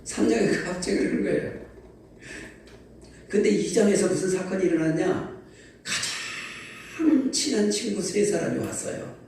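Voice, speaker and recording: A male pastor delivers a Sunday sermon in a lively storytelling manner, often calling out to his listeners. His voice is mellow and dark. He is picked up from a distance in a very echoey church hall with faint ambience behind him. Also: sits high, measured pace, slight background noise. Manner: lively storytelling preaching, calls to the congregation. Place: large church sanctuary.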